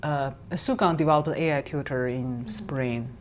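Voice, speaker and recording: A woman professor and startup co-founder answering interview questions briskly, with uh fillers and short laughs. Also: low-pitched, expressive, background noise.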